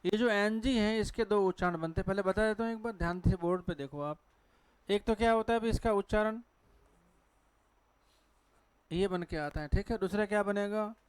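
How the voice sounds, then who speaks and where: A man's voice: sits high, fairly quick, smooth, dry recording. A man with a Hindi accent teaching pronunciation to a class at a board, asking questions and answering them himself. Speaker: English teacher.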